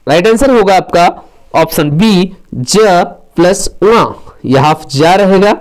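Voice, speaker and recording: High-voiced Hindi quiz teacher. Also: male voice, expressive, takes it slowly. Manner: reads options then gives the answer with a short explanation; mixes English quiz phrases into Hindi. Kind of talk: exam quiz lesson.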